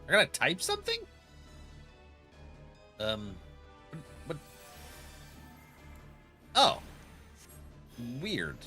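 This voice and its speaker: A male game streamer with a lively, swinging pitch and a slow, loose pace. He talks casually and in slang, reacting and joking to himself, with clear music behind his voice. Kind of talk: casual gameplay commentary.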